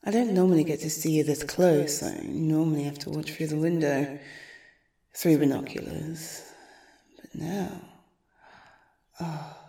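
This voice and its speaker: A woman voicing an obsessive, unhinged female stalker in a whispered audio roleplay, crooning slowly and intimately in a breathy voice. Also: fairly even intonation, dark tone. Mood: doting whisper. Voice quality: breathy whisper with creaky low tones. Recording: roomy echo.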